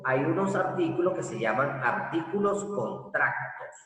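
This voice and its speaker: A man teaching a recorded grammar lesson, explaining slowly and deliberately and asking rhetorical questions. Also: on the high side. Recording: echoey room from far off.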